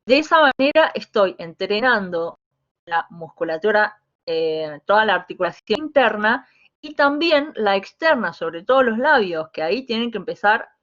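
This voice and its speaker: A woman with a Rioplatense Spanish accent, teaching a voice workshop as a coach, talking in a lively, demonstrative way with many fillers and restarts. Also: medium pitch, moderate pace, dull audio. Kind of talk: online workshop lesson. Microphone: video call.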